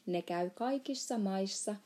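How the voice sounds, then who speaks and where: A woman's voice: medium pitch, dark tone, close to an everyday voice. A woman voicing a big friendly male giant in a storybook reading, playfully mangling his words. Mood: emphatic.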